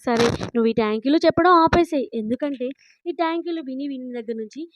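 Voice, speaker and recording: A smitten, pushy young male CEO from a romance drama recap, quoted by a woman. He is given a high, quick voice and clipped, dry delivery. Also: no echo, highs cut off, lightly acted. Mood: insistent. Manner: quoted plainly in the narrator's own voice.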